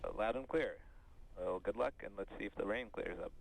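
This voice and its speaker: A man with a lowish voice makes rapid procedural calls over a radio comm loop. He sounds like an engineer running a check. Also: creaky, poor audio. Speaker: chief engineer in launch control.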